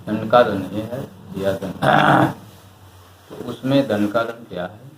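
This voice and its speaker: An older man speaks slowly and thoughtfully, his voice sitting low. He answers an interviewer at length. The recording carries a roomy echo with faint background noise. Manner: slow, measured, reflective. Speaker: retired writer and historian.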